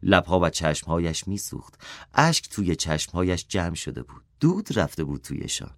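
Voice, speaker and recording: A man reading a children's story aloud, expressive and dropping softer for the character's inner thoughts. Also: low voice, dry recording, studio quality.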